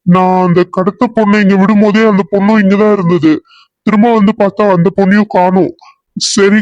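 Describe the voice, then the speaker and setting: A man's voice: sits high, a little mellow, dry recording, lightly acted. A man voicing a scared hired helper in a cartoon serial who pleads that he knows nothing. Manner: pleading, insistent denials. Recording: dull, dry lo-fi recording.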